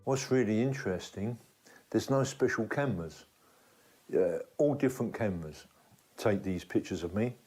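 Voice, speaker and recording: A man's voice: on the low side, animated, moderate pace, a little mellow, slightly rough, soft background music. A man speaking as a spiritual healer, explaining things to a camera in unscripted talk.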